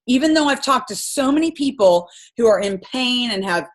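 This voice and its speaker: A woman's voice: on the high side, expressive, moderate pace. Impassioned, rambling woman giving a pep talk. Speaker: team leader coaching sellers on a call. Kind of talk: motivational pep talk on a group call.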